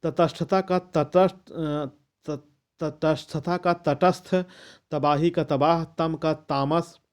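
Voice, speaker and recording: A man reading out a long list of word pairs as a lesson, measured and methodical, with the odd restart. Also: fairly high pitch, fairly even intonation. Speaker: teacher reading a Hindi vocabulary list. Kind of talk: slow recitation of word pairs.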